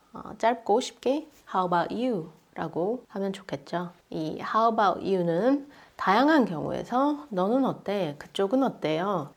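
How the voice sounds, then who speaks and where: A woman teaching English, patiently explaining and slowly modeling English phrases. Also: medium pitch. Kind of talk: language lesson explanation.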